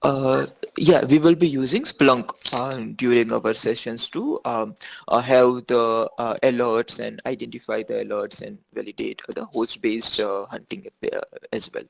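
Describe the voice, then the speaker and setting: Male course instructor, very gravelly, mid-pitched, hesitant, video call. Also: steady tone, measured pace, dry recording, poor audio. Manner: hesitant, many fillers and restarts. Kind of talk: online class Q&A.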